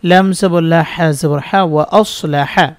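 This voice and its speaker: High, clear-voiced Bangladeshi Bengali Quran teacher. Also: male voice, fairly even intonation, no room sound. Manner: spells words letter by letter, then chants verses slowly. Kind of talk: spelled-out Quran recitation lesson.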